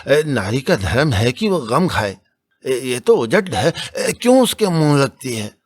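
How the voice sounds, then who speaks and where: A preachy old village priest lectures a quarreling woman, his voice rising higher and louder as he moralizes, as a male storyteller takes him on. The tone is husky and dry. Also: sing-song, unhurried, no echo. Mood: lecturing.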